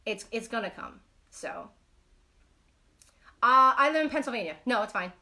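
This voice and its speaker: A woman chats on a live stream, blunt and foul-mouthed, rambling through endless fillers. Her voice has a bright, sharp edge. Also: a little high, animated, moderate pace. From Brooklyn, New York. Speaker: knitting live-stream host. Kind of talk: casual live-stream chat.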